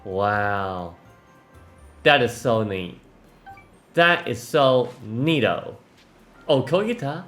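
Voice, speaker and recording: A man giving casual, excitable commentary while playing a video game, often exclaiming and tripping over words. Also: on the low side, drawn-out words, pauses often, soft background music. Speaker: gaming video host.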